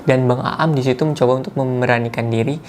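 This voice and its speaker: A man's voice: medium pitch, fairly even intonation, fast, a little mellow, slight background noise. A man casually retells a listener's mountain horror story as host, talking loosely with slang fillers and self-corrections.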